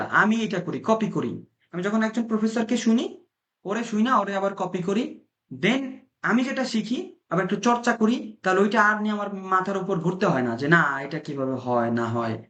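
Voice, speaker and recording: High-voiced man teaching in a roomy space. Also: fairly bright tone. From Bangladesh. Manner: coaching, repeats key points, addresses listeners as brother. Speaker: Italian language teacher. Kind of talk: informal class lecture. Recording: roomy echo.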